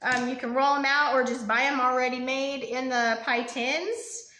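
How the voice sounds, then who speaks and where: Chatty bright-voiced woman baking live. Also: high voice, fairly even intonation, moderate pace, echoey room, slight background noise. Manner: chatty, rambling, lots of ums and asides to viewers. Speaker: home cook hosting a live baking stream. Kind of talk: casual live cooking demo. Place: home kitchen.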